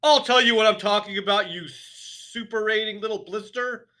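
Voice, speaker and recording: A man voicing a bellowing, tyrannical headmistress who booms insults, in a storybook reading. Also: moderate pace. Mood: furious. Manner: booming, shouting insults.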